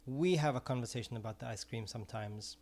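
A middle-aged Israeli man, once a music teacher and now an ice cream vendor, speaks earnestly in a casual interview. His medium-pitched, darkish voice moves fast, and he often repeats words while searching for the right phrasing.

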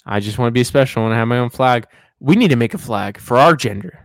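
A man's voice: mid-range voice, lively intonation, quick pace, dry recording. Man, frat-bro slang, joking casual banter, podcast co-host, dry close sound.

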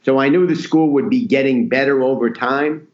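An echoey, slightly dull recording of a middle-aged man. He speaks as an interview guest, in a casual storytelling way, at an ordinary male pitch. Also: normal speed. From Queens, New York. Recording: dull, roomy, echoey audio.

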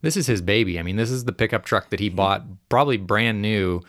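A man's voice: fairly low pitch, fairly bright tone, dry recording, studio quality. A man casually reminiscing in conversation, often restarting his sentences and laughing as he tells a story. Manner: halting, restarts and laughs while telling.

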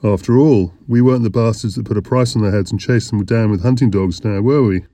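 A man's voice: fairly low pitch, a little fast, warm tone, no room sound, natural voice. A man voicing a jovial, portly, middle-aged English innkeeper with a broad Lancashire accent and a teasing, conspiratorial manner.

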